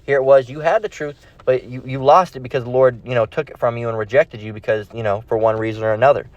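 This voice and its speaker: A street-style Bible preacher gives an impromptu, informal sermon with scripture reading, speaking bluntly, slangily, and confrontationally, repeating himself and tagging phrases with "all right?" and "okay?" His voice is medium-pitched and steady in tone, and he talks fast. The recording is dry, dull, and lo-fi.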